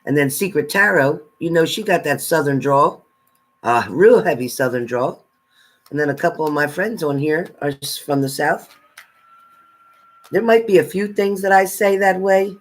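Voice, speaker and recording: On a livestream, a New Jersey man with a somewhat high voice works as a tarot reader, chatting casually at a normal speed with lively intonation. He greets and thanks viewers by name, hands out friendly advice, and laughs often.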